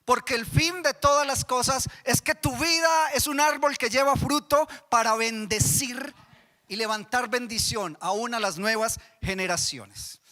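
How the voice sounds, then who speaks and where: Speaking at a measured pace in an extremely high, bright and forceful voice, a Colombian-accented pastor preaches to his congregation and asks them repeated questions. The church hall lends its reverb to the sound.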